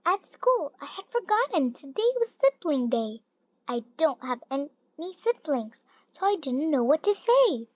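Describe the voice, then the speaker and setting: In a slow, high, childlike voice, someone reads a rhyming children's picture book aloud, deliberate and expressive like a storybook narrator. The recording is dull and lo-fi, with little to no room sound.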